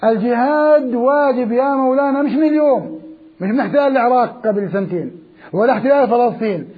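A man's voice: very high voice, fast talker, slightly rough. A man giving a Quran commentary lecture, emphatic, repeating key words and asking rhetorical questions. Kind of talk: classroom lecture. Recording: dull lo-fi recording.

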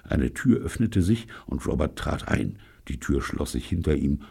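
Older man, audiobook narration, very deep voice, gravelly, husky, lively and wry. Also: moderate pace. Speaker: audiobook reader.

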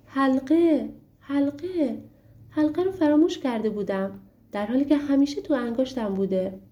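A woman's voice: medium pitch, animated, dark tone, highs cut off, natural voice. A woman voicing a young male hero in a storybook, pleading and determined. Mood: excited. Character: young hero, desperate but determined man.

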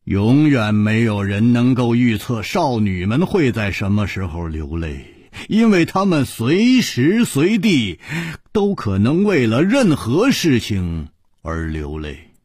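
A man narrating a martial-arts novel in slow, dramatic storytelling style. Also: medium pitch, big pitch swings, a little mellow, breathy edge, dry recording, clean studio sound. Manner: slow, wide-ranging dramatic delivery.

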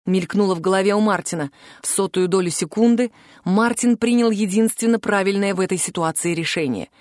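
A woman reading scripted audiobook narration in a measured, even way on a close mic. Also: medium pitch, no echo.

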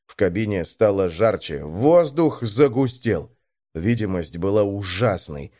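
A man's voice: fairly low pitch, animated, unhurried, warm tone. A man narrating a science-fiction audiobook in a dramatic, tense manner.

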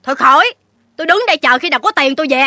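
A voice actor playing a stout, sharp-tongued loan-shark woman who mocks and yells, in a story reading. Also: high-pitched, lively intonation, racing, dry recording, heavily acted. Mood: scornful. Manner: sharp-tongued, mocking, yelling.

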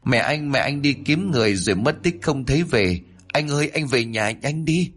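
A man's voice: medium pitch, lively intonation, normal speed, a bit bright, husky, soft background music, pitched above the performer's own voice. A man voicing a tearful young village girl who pleads and urges in a storybook reading. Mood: pleading. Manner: pleading, breathless urging.

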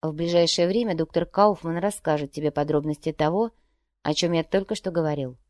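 Lady narrator doing a cold distant commander guy, flat and low, dry. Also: brisk, dry recording, close to an everyday voice. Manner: cold and detached. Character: cold, detached male commander.

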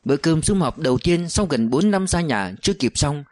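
A man narrating a novel as an audiobook, with steady storytelling delivery. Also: fairly high pitch, moderate pace, no room sound.

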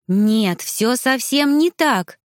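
A woman's voice: high voice, normal speed, no echo, pitched above the performer's own voice, natural voice. An exasperated young medium from a storybook, as a woman reader puts her on, her voice lifted and pushed, every sentence a protest. The recording is dry and close. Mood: flustered protest. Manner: indignant, insistent protests.

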